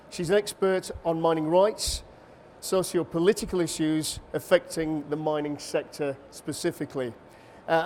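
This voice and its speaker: Guy introducing a speaker on stage, reading his intro with some uhs, kinda higher voice. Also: darkish tone, a little hiss or hum. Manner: reads a prepared intro with fillers. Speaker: event host. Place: expo hall stage.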